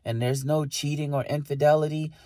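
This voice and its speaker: A podcast co-host talks casually about relationships, lecturing in an emphatic, animated way full of rhetorical questions. His voice is on the high side and a little fast, captured with studio quality and no echo.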